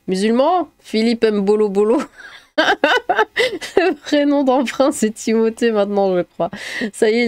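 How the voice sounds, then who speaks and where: A woman's voice: mid-range voice, warm tone, dry recording. A woman streamer reading viewer comments aloud in a casual, offhand way, with loose asides between them. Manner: reads chat messages aloud with offhand asides.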